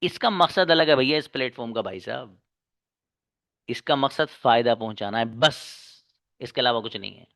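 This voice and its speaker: Brisk, bright and forceful, this mid-range male voice belongs to an online English class teacher giving his students a motivational talk. He's earnest and coaxing, calls them brother and daughter, and is heard through an online class mic.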